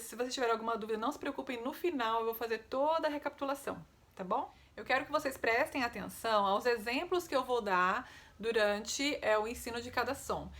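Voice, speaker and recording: A woman's voice: a little high, fairly bright tone. A woman speech therapist, giving a patient, didactic online lesson and often checking in with tag questions.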